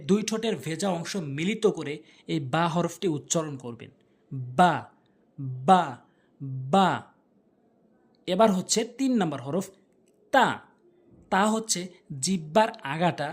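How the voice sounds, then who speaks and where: Patient teacher drilling letter sounds. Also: mid-range voice. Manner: patient, repeats each letter sound several times to demonstrate; explains step by step in simple terms. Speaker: Quran recitation teacher. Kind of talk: pronunciation lesson.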